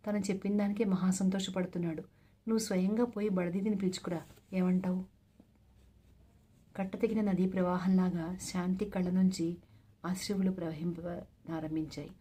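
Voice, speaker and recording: A woman reading a translated novel aloud as storyteller, in a steady, measured way. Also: fairly low pitch, breathy edge.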